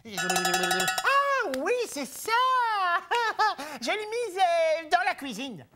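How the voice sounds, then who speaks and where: A woman's voice: very high-pitched, sing-song, extremely slow, very noisy, exaggerated voice. A woman voicing a forgetful, giggly puppet clown boy who stammers and laughs nervously in a children's TV show. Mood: flustered.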